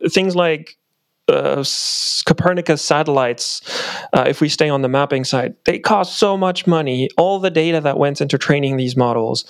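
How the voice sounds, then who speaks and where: A man hosting a podcast, talking things through as he goes, reflective and conversational. His voice sits at an ordinary middle pitch. The sound is dry and close, with no room around it. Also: no room sound. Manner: thinks aloud, reflective. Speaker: podcast host.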